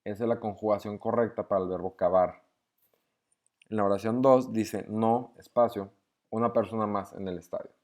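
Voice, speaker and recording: A young man talks through a recorded lesson at his computer desk mic. His voice sits a little low, and he reads each exercise out before calmly explaining the rule behind it. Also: normal speed. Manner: patient, step-by-step explaining, reads exercise sentences aloud. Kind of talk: screen-recorded lesson walkthrough.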